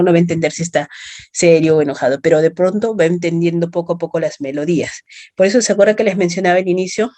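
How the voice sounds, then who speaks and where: A woman's voice: fairly low pitch, darkish tone. A woman with a Peruvian accent giving a lecture to students, explaining step by step and checking in with short tag questions. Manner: explanatory, checks understanding with tags. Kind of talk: online class lecture.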